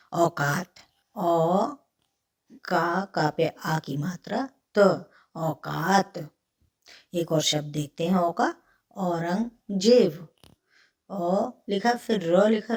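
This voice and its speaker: Slow, deliberate woman teaching spelling. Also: fairly low pitch, darkish tone, recorded from a distance. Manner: spells words letter by letter, repeats each word. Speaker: Hindi teacher.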